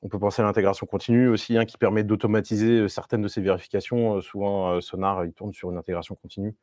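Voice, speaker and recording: A man with a lowish voice talks through a live tech meetup, loose and conversational, hesitating often and dropping in playful asides for his viewers. The sound is close and dry. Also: flat delivery, quick pace, darkish tone, no echo. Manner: conversational, many fillers and restarts, playful asides to the audience. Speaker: Scrum Master giving a meetup talk. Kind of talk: live online meetup talk.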